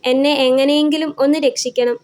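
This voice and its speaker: A woman voicing a frightened young woman in a story, crying and pleading softly for help. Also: high-pitched, steady tone, brisk, close to an everyday voice. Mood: tearful pleading. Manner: pleading, soft.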